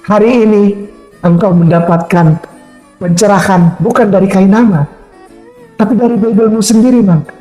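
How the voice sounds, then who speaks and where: A man's voice: high voice, moderate pace, dark tone. Emphatic man preaching in an echoey room. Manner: emphatic, rhetorical questions, acts out quotes. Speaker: Islamic preacher. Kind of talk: animated preaching to a convert. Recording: roomy sound with faint music.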